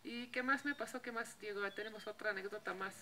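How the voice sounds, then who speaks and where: A woman's voice: medium pitch, fast, sharp tone, slight background noise, poor audio. A young woman from Slovenia with a Slovenian accent, chatting casually to camera, filling her talk with little tag questions. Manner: chatty, lots of fillers. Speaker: vlogger.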